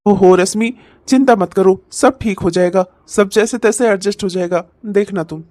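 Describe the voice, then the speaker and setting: A woman voicing a torn young husband who pleads gently in a cartoon comedy. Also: medium pitch, normal speed, no room sound, close to an everyday voice. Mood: pleading.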